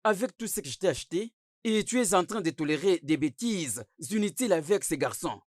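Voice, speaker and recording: An actor dubbing a boastful, wealthy older man into French, blustering with rivals and soft when courting. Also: high-pitched, lively intonation, brisk, no echo, clean studio sound. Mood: pleading. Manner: blustering, then soft and pleading. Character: boastful rich old man courting a young woman. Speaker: wealthy suitor. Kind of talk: French film dub.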